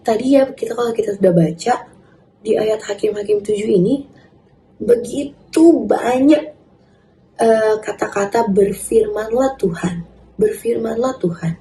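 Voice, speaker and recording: A young woman, a children's church teacher giving a gentle, coaxing children's sermon. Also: on the high side, animated, measured pace. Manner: gentle, coaxing, talks to kids as "adik-adik". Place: church room. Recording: echoey room with faint background noise.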